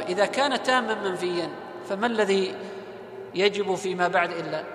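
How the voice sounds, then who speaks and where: A man teaches grammar in a classroom, putting questions to his students and then answering them himself, and he slows down and lifts his voice when he recites verses. His voice sits high for a man. The sound rings with long reverb, like a large hall. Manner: recites verses slowly and loudly. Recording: echoey hall.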